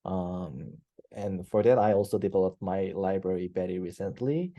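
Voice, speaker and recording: A Korean PhD student in his twenties answers interview questions over a headset video call from an indoor office. He speaks with a Korean accent in a low, warm voice at a moderate pace, hesitating often with fillers and restarts and laughing easily in the casual chat.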